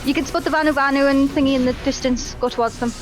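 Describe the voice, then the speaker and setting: A woman's voice: sits high, steady tone, quick pace, poor audio. A woman co-commentating casually on a game and reading some of its dialogue aloud. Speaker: co-player and co-commentator. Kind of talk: casual chat over gameplay.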